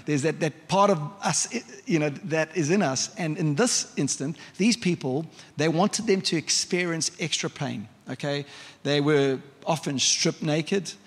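A man's voice: fairly high pitch, unhurried, husky. A man preaching a sermon in a church, conversational and vivid, often asking the congregation questions. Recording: long hall reverb.

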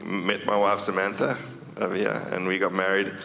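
A man's voice: deep voice, completely flat delivery, normal speed, gravelly, sharp tone, big-room sound, a little hiss or hum. A South African man, a guest musician, telling stories in a casual onstage interview at a church, joking as he goes. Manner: joking, storytelling. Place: church hall.

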